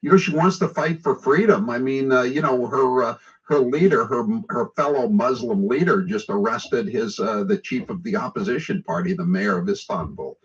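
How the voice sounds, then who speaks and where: A mid-range male voice at a moderate pace, with hardly any pauses, comes from far off the mic through a dull lo-fi radio relay. He's an American political talk radio host, mocking and conversational in a sarcastic, opinionated monologue.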